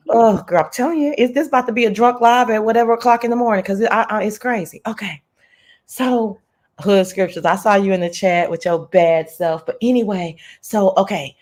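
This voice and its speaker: A woman hosting a livestream chats casually in a mid-range voice at a moderate pace. She tells gossip in an animated, slangy, profane way and often drifts off on tangents.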